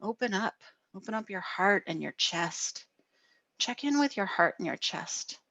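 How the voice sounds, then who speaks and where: A middle-aged woman counselor giving a gentle guided wellness talk over a video call, often asking "right?". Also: mid-range voice, expressive, a little slow, no room sound. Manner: gentle, frequent "right?" tags.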